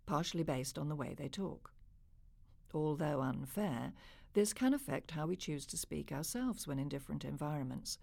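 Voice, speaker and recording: A woman reporter giving scripted documentary narration in a husky, creaky voice. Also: low-pitched, a little mellow.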